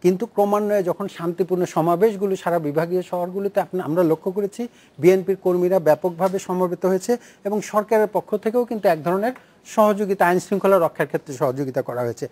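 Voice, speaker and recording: A man speaking as a political analyst on a talk show, making deliberate, numbered points. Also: high-pitched, a little mellow. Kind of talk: measured studio commentary.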